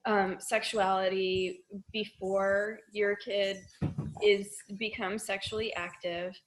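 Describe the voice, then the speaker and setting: Woman, middle-aged, interviewer, gentle, encouraging, conversational. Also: medium pitch, level tone, slow pace, low-quality recording. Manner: soft-spoken, encouraging, frequent mm-hmms. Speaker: interviewer host.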